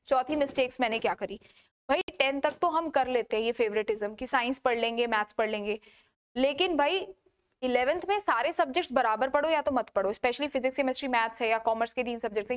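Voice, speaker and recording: A young woman giving casual, emphatic study advice to students, repeating her points and asking rhetorical questions. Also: high-pitched.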